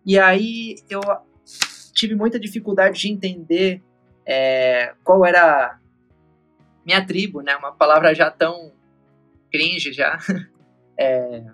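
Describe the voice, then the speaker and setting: A man from Mexico, a musician guest talking about his music from his home in a busy city centre, in a lively, self-deprecating way. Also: high-pitched, slow, long pauses. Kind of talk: casual interview.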